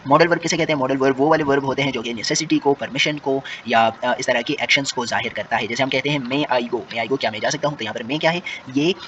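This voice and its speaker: A man's voice: medium pitch, quick pace, few pauses, a bit bright. Man solving a test paper. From Pakistan. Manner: reads each question in English, then explains in Urdu; self-correcting, with frequent "sorry" and fillers. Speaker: exam prep teacher. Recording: distant, muffled mic with audible noise.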